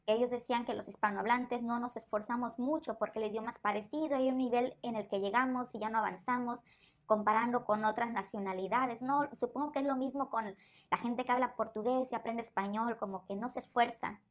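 A woman's voice: a little high, fairly even intonation, fairly quick. Curious woman asking questions. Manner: curious, asks follow-up questions. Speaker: interviewer. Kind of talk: conversational podcast interview.

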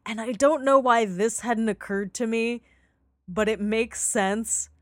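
A young woman talks through a TV plot in loose, casual chat. She slips into quick voices for the characters and laughs often, and the sound is dry and close, with no room echo. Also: on the high side. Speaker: podcast co-host discussing a TV series.

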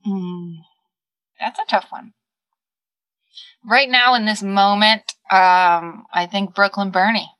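A woman's voice: medium pitch, steady tone, slow, long pauses, a bit bright, no echo. A woman with a Long Island accent, a podcast guest chatting casually, laid-back with hesitant fillers and easy laughs. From New York. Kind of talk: casual interview chat.

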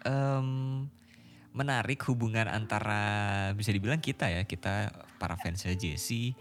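A man's voice: lowish voice, moderate pace, a little hiss or hum. A man, talking casually and reflectively and mixing in English phrases. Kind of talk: casual chat.

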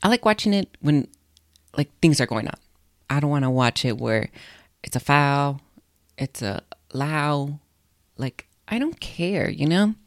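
A woman's voice: low voice, animated, a little slow, pauses often, dry recording, clean studio sound. A young woman hosting a solo podcast, talking in a chatty, blunt way and swearing freely. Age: young adult. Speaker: podcast host. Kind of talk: casual solo podcast chat.

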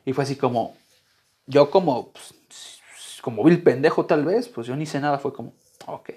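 A young Mexican man tells a personal story in a loose, chatty way, peppered with slang and swearing. He slips into quoted voices to act things out. His voice sits at an ordinary middle pitch. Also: normal speed, breathy edge. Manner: profane, animated, acts out quotes. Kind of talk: casual storytime anecdote.

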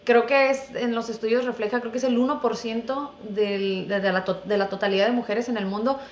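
A woman's voice: a little high, steady tone, brisk, muffled recording, slight background noise. Earnest young woman, roomy sound. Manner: earnest, testifying with faith. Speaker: guest.

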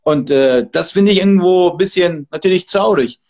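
High-voiced, emphatic martial arts trainer. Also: male voice, moderate pace, darkish tone. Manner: emphatic, motivational, preachy. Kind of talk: casual interview talk.

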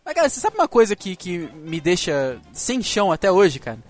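A man's voice: high-pitched, fairly quick, soft background music. A man co-hosting a casual podcast chat, telling stories and asking the others questions. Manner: animated storyteller, asks the others questions. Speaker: podcast co-host.

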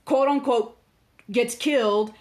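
This woman co-hosting a podcast has a highish, darkish voice and a slow pace. She rambles through a casual conversation, often using fillers and beginning again.

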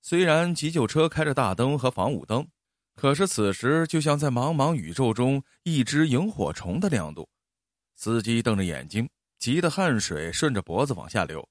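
A male storyteller reads a tale with expressive delivery, his pitch rising and falling a lot. His voice sits in a middle register. The recording is dry and close. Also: normal speed, no echo. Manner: expressive, animated reading. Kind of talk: storytelling narration.

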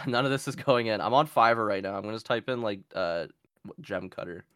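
A man hosting a podcast in casual chat, joking around and reading things aloud with quick asides. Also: on the low side, a crowd in the background. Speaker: podcast host.

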